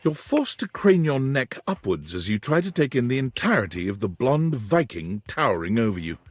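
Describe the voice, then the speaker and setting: An actor giving measured, scripted narration for a game's scenes. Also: male voice, mid-range voice, very animated, soft background music, lightly acted. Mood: calm. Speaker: game narrator.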